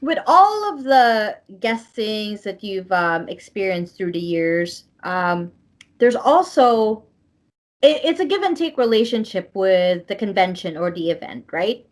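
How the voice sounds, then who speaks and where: A woman's voice: medium pitch, big pitch swings, a little slow. A woman hosting a casual interview, laughing often and getting emotional with her guest. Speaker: interviewer and show host.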